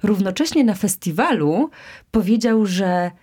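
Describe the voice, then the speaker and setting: Woman radio host, mellow tone, thinks out loud, slow careful phrasing. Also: mid-range voice, animated, breathy edge. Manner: thoughtful, searching for words. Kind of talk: cultural radio interview.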